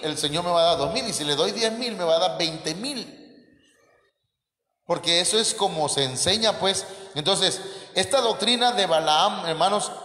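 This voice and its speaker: Male preacher, Mexican accent, high voice, long church reverb, sermon with rhetorical questions. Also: sharp tone. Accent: Mexican Spanish. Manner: addresses listeners as brothers, many rhetorical questions.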